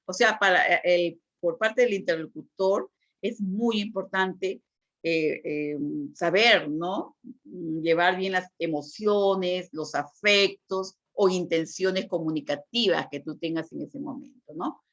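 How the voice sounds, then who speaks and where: A woman's voice: fairly low pitch, takes it slowly, fairly bright tone. A woman teacher giving a lecture on communication, explaining patiently and checking in with frequent tag questions. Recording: dull lo-fi recording.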